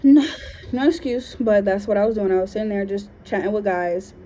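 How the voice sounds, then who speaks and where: A woman's voice: medium pitch, fairly quick, dark tone. A woman from Liberia casually telling a personal story, frank and slangy, with plenty of fillers. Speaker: vlogger. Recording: dull lo-fi sound with faint noise.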